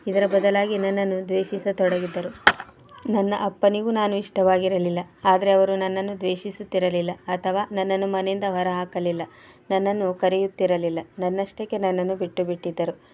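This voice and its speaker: A grieving transgender woman pours out her past in a storybook reading, as a woman narrator voices her. Her plaintive words come in a flat, mellow voice. The delivery stays steady and sorrowful. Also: medium pitch, normal speed, close to an everyday voice.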